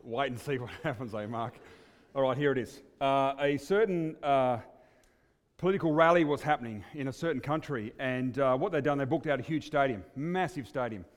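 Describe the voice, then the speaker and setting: A guest preacher tells stories during a church sermon, speaking chattily and hesitantly with lots of fillers. His medium-pitched voice, at normal speed, rings out with a long, cathedral-like reverb.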